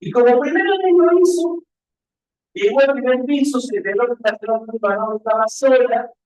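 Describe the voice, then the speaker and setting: A man voicing a shrewd, talkative male police investigator who keeps urging the other to calm down. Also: extremely high pitch, normal speed. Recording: echoey room.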